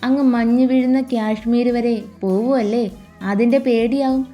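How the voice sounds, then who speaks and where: A woman's voice: fairly high pitch, steady tone, moderate pace, warm tone, faint music behind, close to an everyday voice. A woman voicing a teasing, doting young husband. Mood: teasing, fond. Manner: playful, coaxing endearments.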